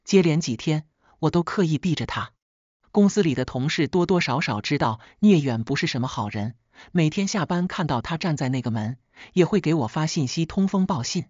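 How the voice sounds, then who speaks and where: A woman narrating a scripted first-person story in a steady, sharp-tongued way. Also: deep voice, fairly quick, slightly rough, no echo, muffled recording.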